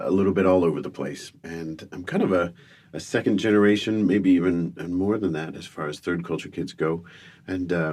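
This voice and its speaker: His voice is deep and a little mellow. Born in the UK to American parents, this middle-aged guest speaker and comedian spins self-deprecating, wry stories in a relaxed storytelling interview, often restarting his sentences.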